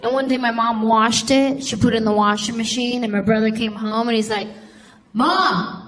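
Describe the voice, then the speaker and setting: A young woman performing a stand-up comedy set, telling stories in an animated way and shouting out voices. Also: fairly high pitch, fairly quick, poor audio. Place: comedy stage before a laughing audience. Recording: live stage audio with crowd noise.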